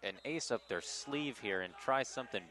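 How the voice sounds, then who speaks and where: A man giving measured, analytical color commentary at a high school football game. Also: expressive, pushed and bright. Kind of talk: sports color commentary and promo reads.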